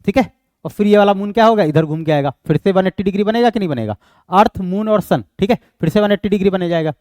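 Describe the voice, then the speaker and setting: A man's voice: sits high, animated, a little mellow, no room sound, clean studio sound. A man with an Indian accent giving an exam-prep lecture, explaining step by step and answering his own questions. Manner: reads English question text slowly. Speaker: teacher.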